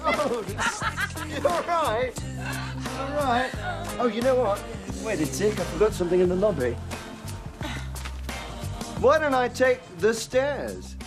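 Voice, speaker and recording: Brief: a flirtatious, jokey swinging-sixties English spy, bouncy delivery over film score. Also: male voice, very high voice, very animated, slow pace, pauses often, full character voice. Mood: goofy. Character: goofy swinging-sixties male British spy, cheeky. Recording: film soundtrack with clear music behind.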